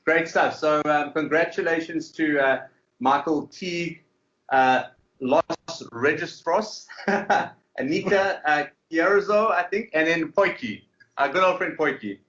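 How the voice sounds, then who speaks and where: Bright-voiced man chatting as a guest. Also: on the high side, measured pace. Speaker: podcast guest, game developer. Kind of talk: casual interview chat. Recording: dull, lo-fi online call.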